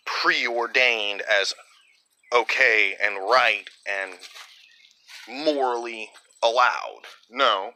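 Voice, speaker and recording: A man's voice: lowish voice, bright, forceful tone, slight background noise, poor audio. A man delivering a blunt, profane opinion monologue in a ranting way.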